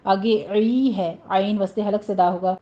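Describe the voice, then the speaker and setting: A woman teaching Quran recitation rules, explaining each word, then reciting it slowly and carefully. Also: medium pitch, steady tone, lo-fi sound. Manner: instructive, drawn-out recitation of single words.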